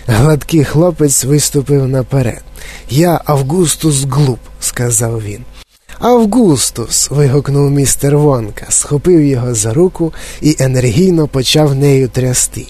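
A man narrating a children's storybook in a measured, softly expressive way. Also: mid-range voice. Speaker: audiobook narrator.

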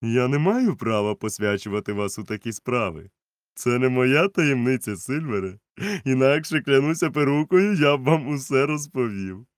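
In a storybook reading, a man voices a kindly, resolute adult doctor who speaks urgently and firmly, pitching his natural voice above his own mid-range register. Delivery is lively in intonation at a moderate pace, and the recording is dry and studio quality.

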